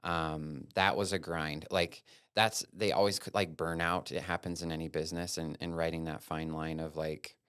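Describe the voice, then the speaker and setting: A man's voice: deep voice, level tone, normal speed, hardly any pauses, fairly bright tone, smooth, no room sound, studio quality. A man from Wyoming, a guest photographer, talking candidly and earnestly in a casual interview, with long run-on thoughts.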